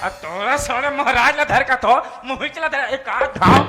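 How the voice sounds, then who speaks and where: A man's voice: extremely high pitch, moderate pace, loud music behind the voice. An actor with a Chhattisgarhi accent playing an exasperated village householder who parrots and scolds a priest, laughing as he goes. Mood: scolding. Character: exasperated village householder, adult man, mocking. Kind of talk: comic sketch acting.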